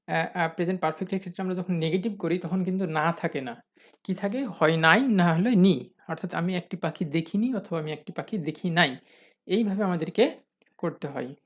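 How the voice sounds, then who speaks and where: Teacher for a recorded grammar lesson. Patient and methodical, answers their own questions, and spells out each example sentence slowly. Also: medium pitch. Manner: addresses the viewers as "dear learners".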